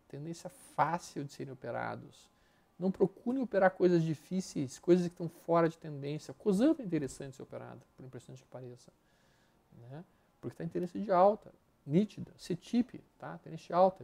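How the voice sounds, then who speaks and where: A man's voice: fairly high pitch, big pitch swings, a little fast, creaky, a little mellow. A man with a Brazilian Portuguese accent giving live stock market commentary over charts, blunt and slangy, rattling off repeated words as he flips through them.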